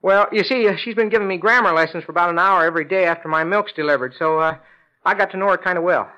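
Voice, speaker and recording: A man's voice: high voice, fast talker, pushed and bright, highs cut off. A brash young milkman. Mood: earnest. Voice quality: folksy slangy talk. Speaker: milkman suspect. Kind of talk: 1940s radio acting. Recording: old radio broadcast recording.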